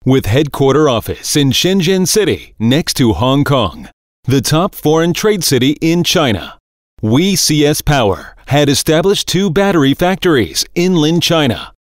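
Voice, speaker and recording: A man reading a scripted corporate video narration, working through long lists in a steady, measured cadence. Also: a little high, no echo. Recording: dry voice-over.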